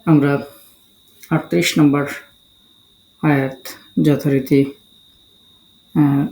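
A Quran recitation teacher from Bangladesh giving a step-by-step lesson, breaking words into syllables and spelling out each rule deliberately. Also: medium pitch, warm tone, echoey room.

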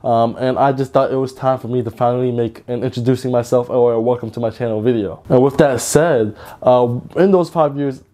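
A YouTuber in his twenties from Georgia, USA, introduces his channel to camera from an indoor bedroom with lit shelves, upbeat and chatty, using slang and repeating himself. His mid-range, mellow voice runs a little fast with a steady tone and few pauses.

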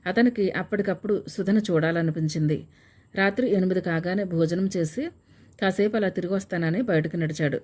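A woman narrating a story in a calm, steady reading voice. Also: lowish voice, a little fast. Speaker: audiobook narrator.

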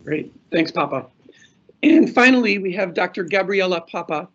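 A man's voice: high voice, expressive, normal speed. A middle-aged man moderating a panel over a video call, formally reading introductions and announcements. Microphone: video call webcam. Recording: muffled video-call audio.

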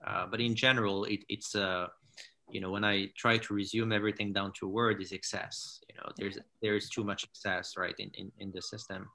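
A man in his thirties from Morocco, a founder talking in a casual interview over a video call from his living room, halting with many fillers and restarts. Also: fairly low pitch, flat delivery, bright, forceful tone. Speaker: founder and CEO, guest. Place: home living room with large window. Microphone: laptop or webcam on a video call.

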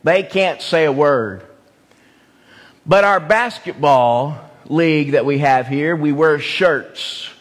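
Pastor, male, high-pitched, emphatic sermon delivery in a long-reverb sanctuary. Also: slow pace. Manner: emphatic, repeats key phrases, asks the congregation questions. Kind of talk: evening sermon. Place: church sanctuary.

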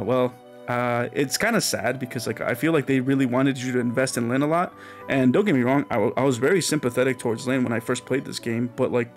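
A man's voice: mid-range voice, gravelly. Rambling, laughing let's play guy. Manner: rambling, filler-heavy, laughs often. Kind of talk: casual gameplay commentary.

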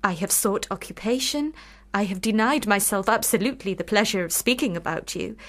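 An actress in a period radio drama playing a lovelorn, sharp-witted sister, speaking with formal, deliberate, cutting irony. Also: female voice, medium pitch, natural voice. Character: Charlotte Brontë, scornful, lovelorn, sharp-witted sister of failed poet.

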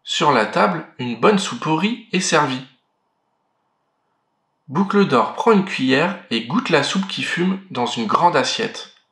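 A man reading a children's story aloud, clear and expressive. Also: on the high side, takes it slowly. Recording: roomy echo.

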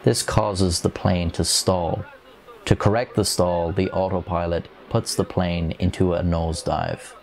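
A young man with a very low voice narrates from a script in a measured, grave way. He speaks into a lapel mic on a dark studio set, telling the story steadily. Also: fairly even intonation, gravelly, background noise. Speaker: documentary narrator.

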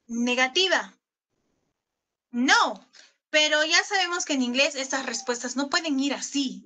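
Woman, Peruvian Spanish accent, English teacher, high voice, asks the class questions. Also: pushed and bright. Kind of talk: recorded online class.

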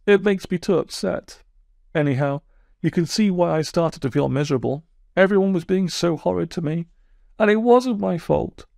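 A man's voice: high voice, moderate pace, vocal fry, a little mellow, dry recording, studio quality, pitched above the performer's own voice. A man voicing a self-pitying, touchy male toad who speaks in a plaintive, wounded way.

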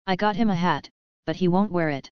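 A big, boisterous male mercenary, as a woman narrator puts him on, full of jokey, overfamiliar charm with menace underneath. The voice is low and smooth. The recording is dry and close, with a slightly dull tone. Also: fairly quick, dry recording, close to an everyday voice. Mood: breezy menace.

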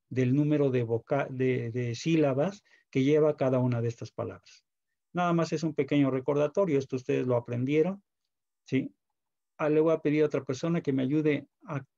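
A man's voice: fairly high pitch, gravelly, mellow. A man with a Mexican accent teaching an online class, patient and checking understanding with questions. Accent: Mexican Spanish. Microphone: video call. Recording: dull video call audio.

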